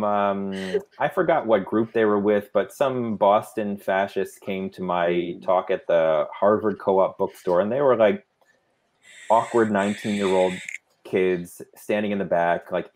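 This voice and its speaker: Guest author, man, lowish voice, measured and anecdotal. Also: a little mellow. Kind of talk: casual online interview chat.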